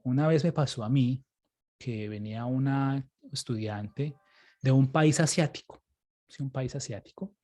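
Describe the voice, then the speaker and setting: Husky Colombian priest giving a lecture. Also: male voice, medium pitch, warm tone. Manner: explains patiently, often tags sentences with "¿cierto?" and "¿sí?". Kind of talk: Bible study lecture answering questions.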